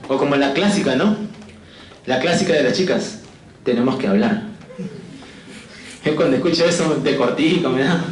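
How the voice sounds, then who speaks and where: Lively male lecturer in an echoey classroom. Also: fairly high pitch, a little hiss or hum. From Peru. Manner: lively, asks "¿no?" and "¿sí?" constantly, jokes with students. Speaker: physiology lecturer.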